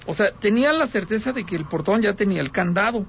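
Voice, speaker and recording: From Aguascalientes, Mexico, a man with a notably high voice hosts a call-in radio show and tells a paranormal story dramatically, with lively intonation and a quick pace. He repeats key points and addresses listeners directly. The audio is dull and lo-fi with a faint hiss beneath.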